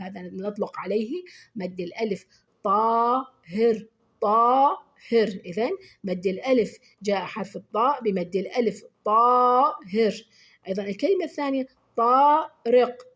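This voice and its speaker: A woman teaching beginners and speaking to pupils. She praises them often and draws out the example words slowly and clearly. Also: medium pitch, darkish tone. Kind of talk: children's lesson addressing pupils.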